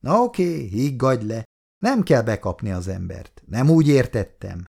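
A man voicing a jovial army lieutenant who teases his friend loudly and heartily in an audiobook. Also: mid-range voice, sing-song, creaky, husky, voice pushed up, full character voice. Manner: loud, mocking, hearty. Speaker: platoon lieutenant.

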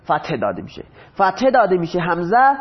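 A man teaching a grammar class. He reads example sentences slowly, translates them, and asks the class questions that he answers himself. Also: sits high, wildly swooping pitch, breathy edge. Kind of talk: Arabic grammar lesson explained in Persian. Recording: dull lo-fi recording.

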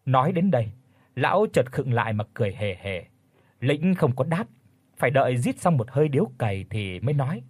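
A man's voice: mid-range voice, very animated, a little fast, breathy edge, dry recording. A man narrating a horror audiobook with dramatic storytelling.

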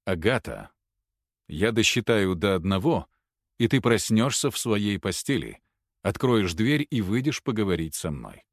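A man voicing a calm, cold older male professor who hypnotizes a patient with slow, soft instructions. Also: lowish voice, no echo, studio quality, full character voice. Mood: strict. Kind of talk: audiobook character voice.

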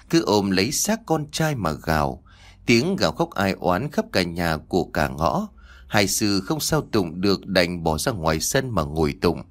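A man reads an audiobook story with a dramatic, expressive delivery. His voice sits low, and his pitch swings widely and lively. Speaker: narrator.

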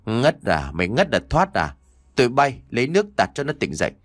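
A man's voice: medium pitch, wildly swooping pitch, a little fast, no echo, studio quality. A man voicing a cruel, vindictive older landlord in an audio story, menacing and sneering. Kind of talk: audiobook character voice.

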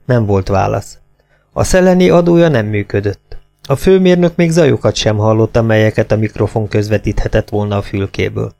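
A man reading an audiobook in a steady, measured narration. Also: lowish voice, gravelly, soft background music.

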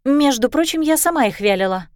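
A woman reading a storybook, voicing an earnest, careful young heroine in a steady voice. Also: high voice, fairly quick, no echo, studio quality.

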